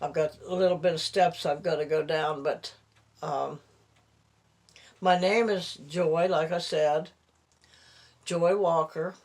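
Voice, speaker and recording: A woman of about eighty talking casually and haltingly in a personal vlog, her lips over her gums with few teeth, slightly slurring her words. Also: low-pitched, steady tone, a little mellow. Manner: slow, halting, rambling delivery. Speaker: vlogger.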